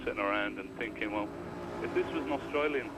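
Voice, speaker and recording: A man in the air force calling in to a radio show, talking haltingly. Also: fairly low pitch, heavy background noise. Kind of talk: phone-in radio call.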